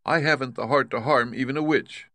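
A man's voice: medium pitch, a little fast, bright, forceful tone, no room sound, pitched above the performer's own voice. A man voicing a tender, loyal tin woodman in a storybook, earnest and plain-spoken with a lifted tone. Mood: loyal, regretful.

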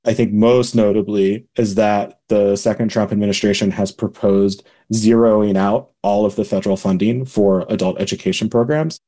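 A man working as a policy analyst answers interview questions in a measured, precise way. His voice is low and mellow. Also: fairly even intonation.

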